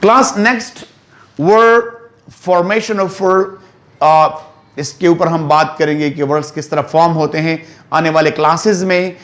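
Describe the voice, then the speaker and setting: A man's voice: fairly high pitch, measured pace, fairly bright tone. A man teaching English grammar in a lecture, mixing Hindi-Urdu and English and drawing out example words as he explains. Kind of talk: classroom lecture.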